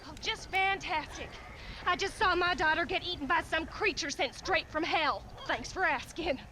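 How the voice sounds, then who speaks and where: A woman's voice: very high voice, moderate pace, sharp tone, slight background noise. An actress playing a bitter, sarcastic frontier wife who nags her husband in a video game. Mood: scolding. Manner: sarcastic, scolding. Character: bitter, shrill frontier wife, nagging and bigoted. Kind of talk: video game cutscene acting.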